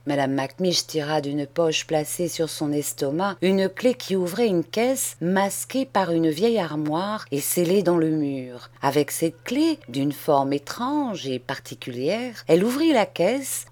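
A woman reading a children's novel aloud as an audiobook narrator, in an even, measured storytelling manner. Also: on the low side. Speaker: audiobook reader.

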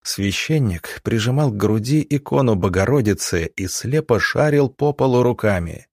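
A man narrating an audiobook in a measured, dramatic reading. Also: mid-range voice, animated, darkish tone, no echo.

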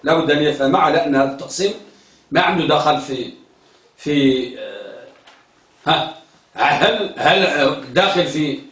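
Male lecturer, high voice, heard from a distance in a roomy classroom, quizzes and repeats terms. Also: animated, normal speed, long pauses, fairly bright tone. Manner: questioning, repeats key terms, tells students to focus. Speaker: teacher of hadith terminology. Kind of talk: classroom lecture with questions to students.

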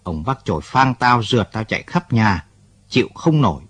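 A man's voice: fairly low pitch, big pitch swings, normal speed, fairly bright tone, husky, no room sound, exaggerated voice. A man voicing an agitated middle-aged man telling a painful story. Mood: upset. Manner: upset, pours out his story.

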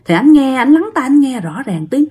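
A woman's voice: sing-song, moderate pace, slightly rough. A woman with a Southern Vietnamese accent telling a ghost story in a casual, chatty way, often turning to her listeners, with dramatic rises and drops in her voice. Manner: dramatic swings in pitch and loudness.

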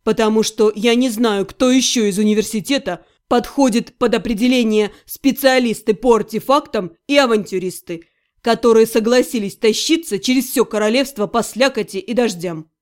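A woman voicing an earnest young male necromancer who speaks quietly and sincerely. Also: fairly high pitch, moderate pace, pitched below the performer's own voice, close to an everyday voice. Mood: tender, earnest. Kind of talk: audiobook character voice.

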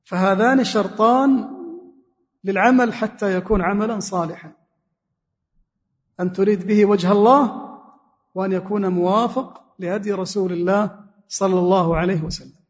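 High-voiced sheikh teaching in a reverberant mosque. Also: male voice, fairly even intonation, moderate pace, long pauses. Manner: explains word by word, repeats key phrases. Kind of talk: religious lesson explaining a hadith text. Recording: long reverb of a mosque hall.

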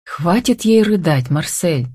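A young heroine in love speaks with lively, exclaiming emotion, voiced by a woman reading an audiobook. The recording is dry and close, with no room sound. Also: on the low side, measured pace, slightly rough, no room sound.

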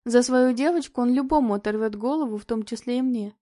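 A woman narrating a novel in the first person, in a steady, expressive reading. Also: a little high, fast talker. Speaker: audiobook narrator.

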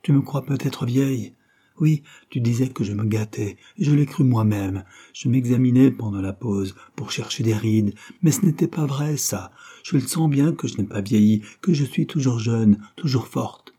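A man's voice: medium pitch, moderate pace, dark tone, breathy edge. A man reading a novel aloud, voicing a passionate young woman who pleads urgently with her lover. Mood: pleading passionately. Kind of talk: audiobook character reading.

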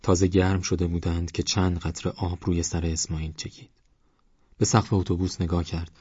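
Male audiobook narrator, calm and even. Low, husky voice, little pitch movement, dry and slightly dull recording. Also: no room sound. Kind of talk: scripted novel narration.

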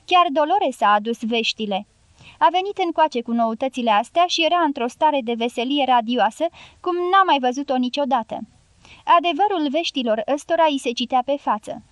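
A woman voicing an effusive middle-aged male correspondent who gushes with excitement in an audiobook. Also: high voice, no room sound. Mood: excited. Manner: effusive and gushing.

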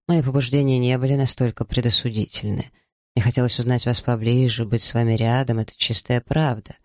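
A man reading a remorseful young gentleman who pleads and apologizes, in an audiobook. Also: mid-range voice, flat delivery, brisk, dry recording, studio quality, close to an everyday voice. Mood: pleading.

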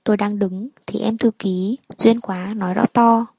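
Husky woman narrating a story. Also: medium pitch, fairly even intonation, moderate pace, a little mellow, no echo, poor audio. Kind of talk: first-person story narration.

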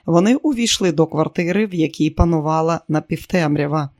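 An audiobook narrator reading a novel aloud in a steady, even manner. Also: medium pitch, a little fast, no room sound, clean studio sound.

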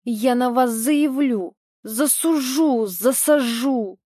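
A woman voicing a cowardly, sneering ex-husband in an audiobook, with a drawn-out mocking delivery. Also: a little high, darkish tone, dry recording, studio quality, natural voice. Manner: drawling, sneering.

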